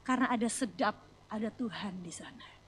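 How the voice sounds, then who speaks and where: A young adult woman pastor preaching a sermon, telling stories with lively swings between loud exclamations and soft reflective lines. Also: mid-range voice, normal speed, slight background noise.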